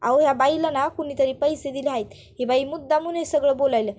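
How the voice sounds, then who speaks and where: A melodramatic village mother pleads and protests in a high, raised wail, as a woman narrator puts her on. She begs and swears her innocence in a rustic, theatrical manner. The voice sits high and carries well. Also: a little fast, a little mellow, natural voice. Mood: pleading wail. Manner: pleading, protesting, theatrical wailing in rural dialect. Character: melodramatic wailing village mother-in-law, middle-aged woman.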